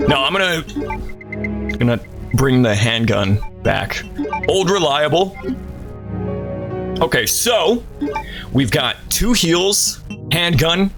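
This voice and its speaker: A man streaming a horror game, chatting casually and rambling with a slightly stuffy voice. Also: medium pitch. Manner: rambling, self-deprecating chatter. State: stuffy from a cold. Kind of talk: casual gameplay commentary. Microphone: desk mic through an audio interface. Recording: static from a failing audio interface. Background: game music.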